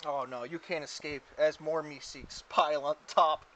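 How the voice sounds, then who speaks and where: A woman with a somewhat low voice runs a tabletop game. She narrates loosely and playfully, often pausing on "like.". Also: fairly even intonation, a bit bright, poor audio. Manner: casual, giggly, with many "like"s. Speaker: game master.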